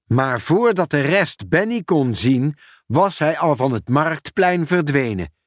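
Slow, expressive male storybook reader. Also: on the high side, no room sound, studio quality. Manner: expressive, unhurried reading. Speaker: narrator. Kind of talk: storybook read-aloud narration.

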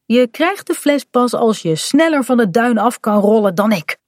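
A woman's voice: fairly high pitch, lively intonation, moderate pace, no room sound, studio quality, pitched above the performer's own voice, lightly acted. A woman voicing a cheeky, playful little pirate boy in a children's storybook.

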